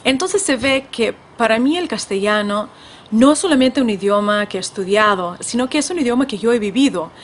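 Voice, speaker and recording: A woman with a slightly high voice talks through a reflective personal monologue for a podcast. Her Spanish slides between several accents, and she often pauses and restarts. Faint noise sits under the recording. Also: lively intonation. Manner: thoughtful, with frequent restarts and fillers. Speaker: podcast host and language author. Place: California.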